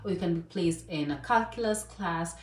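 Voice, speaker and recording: A woman's voice: on the low side, normal speed. A woman from Kenya giving casual advice in a chatty way, full of fillers and asides. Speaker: vlogger. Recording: echoey room, voice a bit distant.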